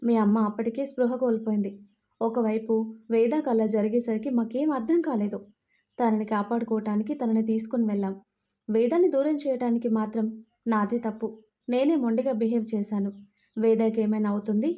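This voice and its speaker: A woman's voice: fairly high pitch, brisk, mellow, close to an everyday voice. A woman playing a remorseful middle-aged mother. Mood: regretful. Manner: regretful, apologetic.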